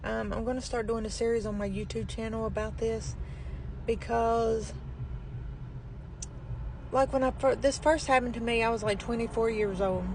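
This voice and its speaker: A middle-aged woman chatting casually in a plain-spoken, folksy way, with a weak, barely audible voice that cannot get loud. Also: steady tone, moderate pace, long pauses, background noise. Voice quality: weak, low-volume voice, barely projecting. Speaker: vlogger. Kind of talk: casual chat.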